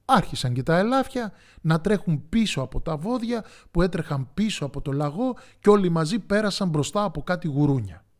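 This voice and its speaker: Expressive male storyteller. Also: fairly high pitch. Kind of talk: children's story narration.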